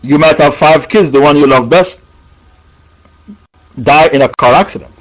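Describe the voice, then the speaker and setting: A man delivers a sermon in a high voice, stressing and repeating his key points. The recording is dull and lo-fi. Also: normal speed. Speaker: preacher.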